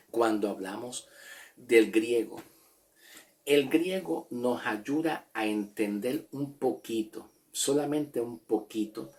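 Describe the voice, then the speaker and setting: Slow, repetitive male Bible teacher. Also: mid-range voice, darkish tone. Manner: repeats words, checks in with "¿ok?"; spells out Greek words slowly.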